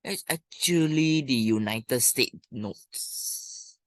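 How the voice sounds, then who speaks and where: Informal primary English teacher, Malaysian or Singaporean accent, unhurried and colloquial, close dry sound. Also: mid-range voice, expressive, dry recording. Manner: colloquial Singlish-style particles, thinking aloud. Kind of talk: informal lesson, talking through exercises.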